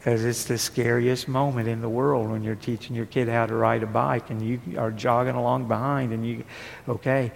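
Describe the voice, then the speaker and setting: A male pastor delivers a sermon, his voice slipping between near-whispered tenderness and strong, emphatic preaching. His tone carries a gravelly texture. The sound rings with long reverb from a large hall, with a faint noise floor underneath. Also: medium pitch, little pitch movement, moderate pace. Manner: shifts from hushed, tender speech to rising, forceful preaching.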